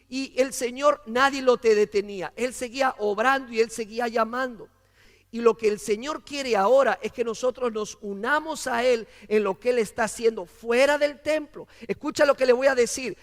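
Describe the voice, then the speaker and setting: High-voiced male preacher in a reverberant hall. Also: fairly bright tone. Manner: earnest, repeats phrases for emphasis, drops to near-whisper on scripture. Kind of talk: sermon.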